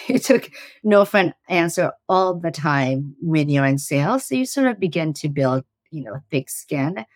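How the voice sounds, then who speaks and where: This interview guest, a startup CEO in her forties from Iran, has a low voice and a slight Iranian accent. She answers earnestly and laughs easily, and the recording is dry.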